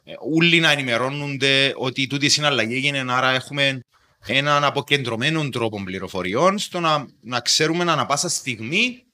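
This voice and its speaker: A man's voice: mid-range voice, expressive, pushed and bright. A man with a Cypriot Greek accent hosting a casual conversational interview, explaining things informally with everyday examples. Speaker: podcast host.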